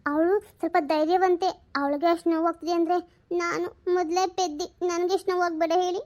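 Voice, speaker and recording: A woman's voice: extremely high pitch, little pitch movement, fast, a little mellow. A woman playing a chatty, sentimental housewife who scolds her daughter and frets with her husband in a comedy sketch. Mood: emotional.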